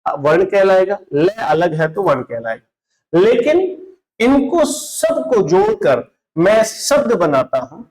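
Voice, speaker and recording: High-voiced Hindi grammar teacher. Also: male voice, big pitch swings, slow pace, darkish tone, rough recording. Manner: repeats questions and answers them himself, addresses students as brother; mixes English words into Hindi. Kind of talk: classroom-style online lesson.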